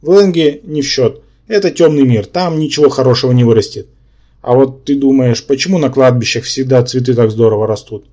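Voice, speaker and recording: A man's voice: mid-range voice, mellow, highs cut off, close to an everyday voice. A man voicing a male brain-polyp symbiont who lectures and argues, in an audiobook. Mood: lecturing. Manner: lecturing, quick to take offence.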